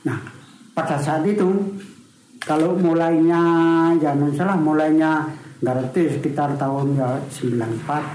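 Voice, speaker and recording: A retired village official in his sixties from East Java, Indonesia, reminisces hesitantly in a casual interview with a Javanese accent, using many fillers and restarts. His voice is on the high side but dark in tone, fairly even and a little slow. The audio is poor, reverberant, and carries some hiss or hum.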